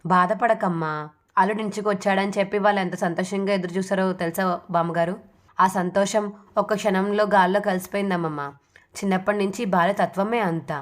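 A woman reading the part of a kind elderly grandmother who gently soothes and coaxes her family. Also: mid-range voice, fairly even intonation, brisk, close to an everyday voice. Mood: soothing.

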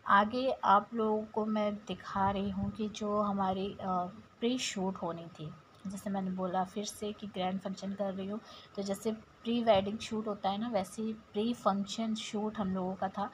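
A woman's voice: mid-range voice, flat delivery, unhurried, a little hiss or hum, low-quality recording. A woman with an Indian accent narrating her home vlog to viewers in a chatty, step-by-step way. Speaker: vlogger. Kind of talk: casual vlog voice-over.

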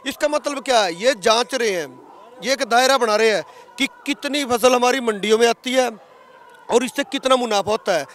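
Outdoors at a roadside protest camp, a farmer in his thirties from Haryana, India, argues emphatically with a Haryanvi accent in a passionate political street interview. He speaks at a moderate pace in an extremely high, slightly bright voice, recorded on a handheld interview microphone.

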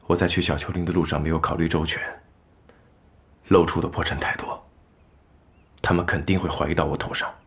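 A young actor playing a calm, reserved young nobleman who speaks in a steady, measured way in a period TV drama. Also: a bass voice, vocal fry, full character voice. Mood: serious. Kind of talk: dubbed TV drama dialogue.

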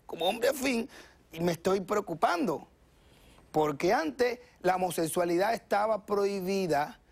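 A male stand-up comedian, performing a fast, animated routine and mimicking voices before a live audience. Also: sits high, creaky.

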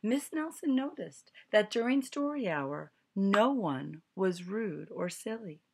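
A woman's voice: mid-range voice, lively intonation, takes it slowly, gravelly, darkish tone, husky. A middle-aged woman reading a picture book aloud to children at home, recorded on a webcam. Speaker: storyteller. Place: small furnished room at home. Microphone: webcam at arm's length.

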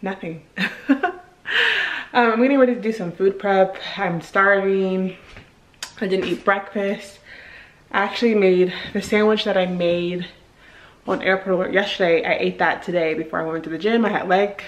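Speaking in a mid-range voice with a steady tone at normal speed, a young woman vlogger talks casually to camera from her home kitchen and bedroom. She holds the camera at arm's length, keeping the chat breezy and laughing frequently.

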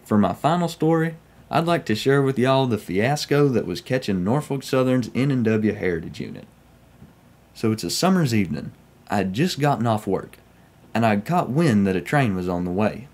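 His voice sits on the low side, darkish and animated, moving at a moderate pace. The speaker is a young railfan vlogger from Oklahoma, United States, whose Southern accent suits the casual, folksy train stories he tells about himself from a small room at home.

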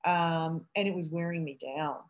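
A middle-aged woman talks on a video call, her voice sitting a little low. She speaks candidly and reflectively, restarting her thoughts as she goes. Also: fairly even intonation, normal speed, highs cut off. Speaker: eating disorder treatment center owner. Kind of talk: casual video call conversation.

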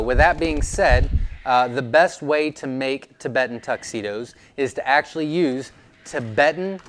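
A young man, a quail breeder, explaining his birds in an informal teaching video. He talks in a relaxed way with plenty of "um" and "uh", recorded on a lapel mic indoors. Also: medium pitch. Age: young adult. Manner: relaxed, explanatory, many fillers. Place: indoors, seated before a wooden wall. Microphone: clip-on lapel mic.

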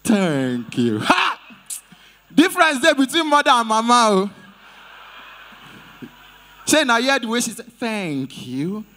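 A man's voice: very high-pitched, very animated, measured pace, pauses often, bright, forceful tone. A man with a Nigerian Pidgin accent doing live stand-up crowd work at an event, teasing audience members playfully. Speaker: comedian host at an event.

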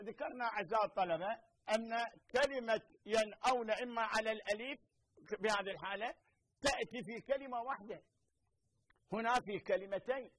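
Iraqi man, middle-aged, patient TV teacher, high pitched, repeats and checks understanding. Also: fairly bright tone, rough recording. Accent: Iraqi Arabic. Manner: explains slowly, repeats points, checks understanding. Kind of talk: televised lesson with phone-in questions.

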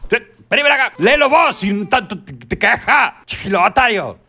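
A man's voice: high voice, very animated, moderate pace, bright, forceful tone. A young man with a Rioplatense Spanish accent, joking and teasing his partner while commentating a game. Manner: teasing, playful, jokey. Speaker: gameplay co-host. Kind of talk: casual gaming commentary.

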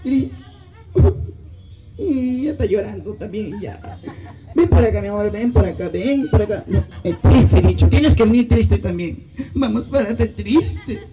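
A man hosting a school party, coaxing and playful with the children, shouting to rally them. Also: high voice, expressive, measured pace, rough recording. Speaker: party host at a school event. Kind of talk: animated emcee patter with children. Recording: loud music and crowd behind.

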